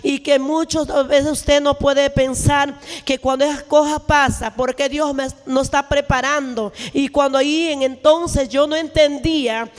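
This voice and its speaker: High-voiced woman giving testimony. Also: fairly even intonation, a little slow, hardly any pauses. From Peru. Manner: earnest, growing louder and pleading with emotion. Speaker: church member giving testimony. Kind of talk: emotional church testimony. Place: church hall with music behind. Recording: reverberant church hall.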